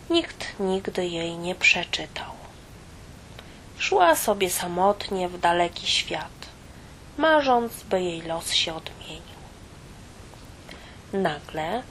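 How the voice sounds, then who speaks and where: Soft-spoken woman reading a children's tale. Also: medium pitch, a little hiss or hum, rough recording. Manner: soft, often half-whispered. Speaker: storyteller. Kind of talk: storybook narration for children.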